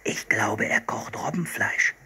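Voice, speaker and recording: A man voicing a curious young boy in a children's storybook reading, asking lively, questioning lines. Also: a little slow.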